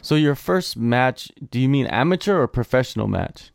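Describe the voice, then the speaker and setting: Male interview host, easygoing questions, mid-pitched, dry close sound. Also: normal speed, vocal fry, dry recording. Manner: relaxed, conversational questioning. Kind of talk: casual interview.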